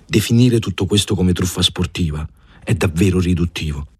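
A man giving a measured, even first-person reading of a novel for a radio audiobook. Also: low voice. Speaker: audiobook reader.

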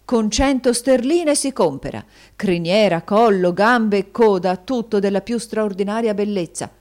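Woman reading as a florid flattering husband, gushing, raised loud voice, theatrical. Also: mid-range voice, moderate pace, natural voice. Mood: boastful. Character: florid flattering husband, man, middle-aged.

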